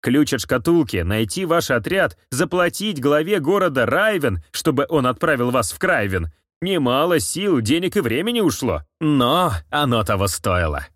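A man's voice: medium pitch, sing-song, normal speed, few pauses, fairly bright tone, dry recording, studio quality, voice pushed up. A man voicing a cheerful, scheming male killer who boasts about his plan. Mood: smug explaining. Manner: boastful, explanatory, gleeful. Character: cheerful scheming male ripper, smug plotter.

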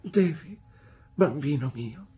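A woman reader voicing a fretful, capricious young mother with a shrill, pleading voice, in an audiobook. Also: lively intonation, takes it slowly, warm tone, breathy edge, full character voice. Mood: distressed.

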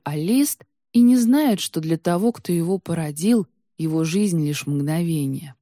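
Woman audiobook narrator, measured reading, dark warm tone, dry close recording. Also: fairly low pitch, no room sound. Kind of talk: scripted narration.

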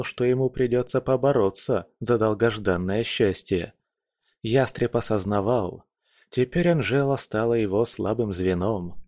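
A man narrating an audiobook in a calm, measured reading. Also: mid-range voice, no echo, studio quality. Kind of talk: scripted narration.

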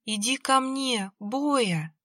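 A woman's voice: a little high, lively intonation, very slow, a bit bright, no echo, clean studio sound, voice pushed up, exaggerated voice. A woman voicing a ghostly little girl spirit who coaxes and pleads in a rustling, childlike voice. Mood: pleading. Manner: coaxing, insistently pleading. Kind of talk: audiobook character voice.

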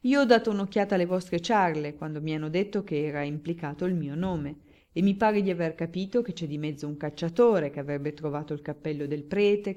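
A woman's voice: low voice, darkish tone, close to an everyday voice. A woman voicing a guarded young male baron in an audiobook, answering in a terse, dryly evasive manner. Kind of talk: audiobook character reading.

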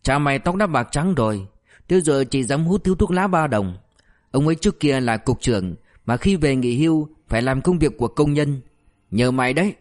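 A man's voice: medium pitch, lively intonation, brisk, a little mellow, natural voice. A man voicing a ruthless male police officer who berates a suspect with harsh, relentless abuse. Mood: furious.

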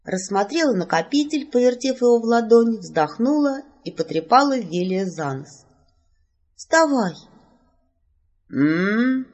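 A woman narrating a first-person fantasy audiobook with an expressive, lively delivery. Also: fairly high pitch, moderate pace.

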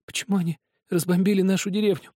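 A man voicing a distraught young village boy in an audiobook, with shrill, sobbing shouts. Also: fairly even intonation, quick pace, dry recording, studio quality. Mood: frightened. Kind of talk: audiobook character voice.

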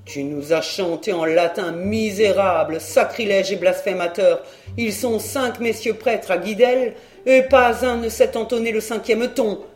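A woman's voice: mid-range voice, a little slow, darkish tone, faint music behind, lightly acted. A woman voicing a group of indignant village priests in a storybook reading, stern and scolding. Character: five indignant country priests, men.

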